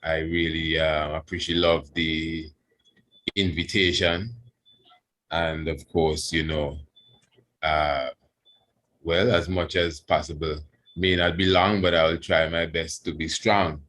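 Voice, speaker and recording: A man giving a reverent religious address as a priest, in Rastafarian speech, halting and deliberate, repeating phrases for emphasis. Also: very deep voice, little pitch movement, a bit bright, low-quality recording.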